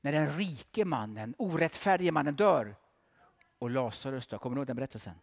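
A middle-aged man preaching a sermon dramatically, swinging from loud outbursts to hushed whispers. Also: medium pitch, lively intonation, vocal fry. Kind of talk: animated sermon.

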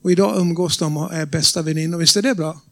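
A man with a Norrland Swedish accent delivers a sermon. His voice sits high for a man, and he tells the story dramatically. He turns to the congregation with questions. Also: fairly even intonation, creaky, a bit bright. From Norrland, Sweden. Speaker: preacher. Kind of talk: sermon testimony.

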